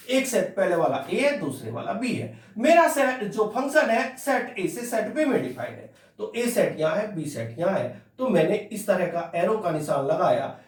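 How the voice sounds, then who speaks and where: A man teaching a math lesson, repeating each point slowly and telling students to listen closely. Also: high voice, reverberant, recorded from a distance. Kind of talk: classroom lecture.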